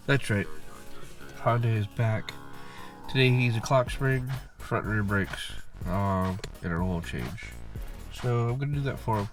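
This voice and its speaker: This relaxed how-to comes from a car repair channel host whose low voice sounds congested, and he talks a little slowly, filling his explanation with ums and uhs as he works on the car. Faint music drifts quietly behind him.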